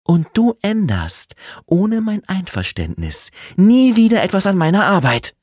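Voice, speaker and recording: A man voicing a proud young woman, an architect who speaks in a sharp, clipped, defiant way while reading a romance story. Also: on the high side, sing-song, extremely slow, creaky, breathy edge, no echo, clean studio sound, pitched above the performer's own voice, exaggerated voice. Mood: cold, firm.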